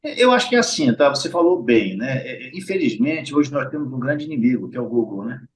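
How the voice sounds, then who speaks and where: In a conversational interview, a middle-aged man with a Brazilian Portuguese accent, a heart surgeon, patiently lays out explanations. He frequently adds tag questions and addresses listeners directly. His mid-range voice has a sing-song lilt and a slightly fast pace.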